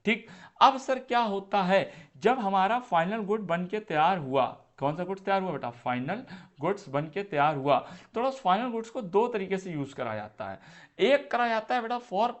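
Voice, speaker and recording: Brief: young male tutor, voice a touch high, drilling terms with rhetorical questions, mixes English into his talk. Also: expressive, moderate pace. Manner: asks students questions and answers them himself; repeats key terms, mixes English phrases. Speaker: teacher. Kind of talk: exam-prep lecture.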